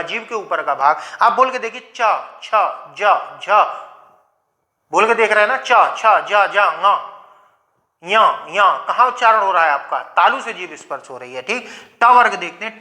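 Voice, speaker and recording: Young male grammar teacher, high and bright, explains step by step with his own question-and-answer patter. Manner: asks questions and answers them himself, sounds out letters slowly. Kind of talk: classroom lecture.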